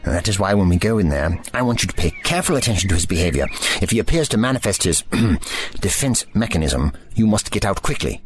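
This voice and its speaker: An actor playing a cantankerous, ancient time-travelling doctor in an audio drama, with formal, wordy diction and an impatient manner. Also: male voice, low-pitched, lively intonation, brisk, slight background noise. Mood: brisk, pensive. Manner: pompous, impatient.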